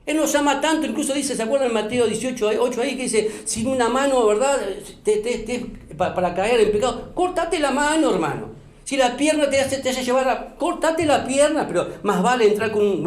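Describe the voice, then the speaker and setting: In a church hall, a pastor preaches a sermon emphatically, repeating phrases and questioning the congregation. His very high voice has lively intonation at normal speed, and the room is echoey.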